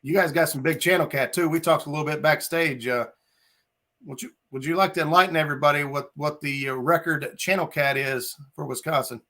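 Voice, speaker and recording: A man's voice: fairly high pitch, fairly quick, bright, forceful tone. A man hosting a casual fishing chat show, talking in a friendly, filler-heavy way and greeting viewers by name. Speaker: podcast host.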